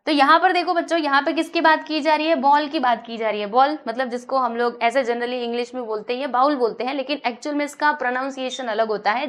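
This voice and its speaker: A high-voiced woman teaches a maths lesson, coaxing her class with questions that she then answers herself. She slows down when reading the English problem text aloud.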